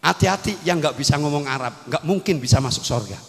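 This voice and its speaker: A man delivers a humorous Islamic sermon in a fairly high, creaky voice with lively intonation and a quick pace, trailed by long reverb. He teases and jokes with his audience playfully. He also calls out to the crowd.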